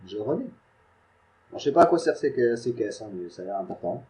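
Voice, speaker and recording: A man's voice: fairly low pitch, sing-song, fast talker, dark tone. A man giving casual, self-mocking gameplay commentary from a home computer setup, chatting and muttering to himself as he plays. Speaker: gaming YouTuber.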